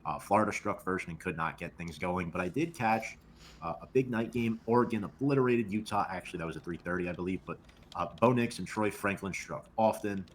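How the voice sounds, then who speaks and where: A man's voice: low-pitched, brisk, slight background noise. A man co-hosting a casual football talk show, recapping games in a laid-back, offhand way. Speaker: co-host.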